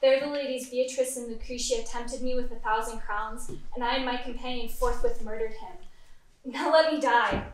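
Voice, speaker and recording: A woman acting as a broken male assassin fresh from torture, pleading in a high, shaking voice. The stage sound is distant and ringing with echo. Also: fairly even intonation, normal speed, close to an everyday voice. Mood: desperate. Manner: begging and desperate. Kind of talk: stage acting in a live play. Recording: echoey hall from far off.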